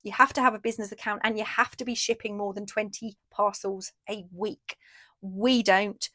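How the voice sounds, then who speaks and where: A woman from the UK, a craft shop owner chatting through a casual video update and an unboxing, says she is losing her voice and gets excited over each item. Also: medium pitch, normal speed, no room sound. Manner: chatty, enthusiastic, frequent ooh and fillers.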